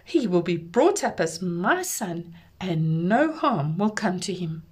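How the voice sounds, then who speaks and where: Brief: stately young princess, commanding, breathy soft tone, lively pitch, read by a woman storyteller. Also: slow, exaggerated voice.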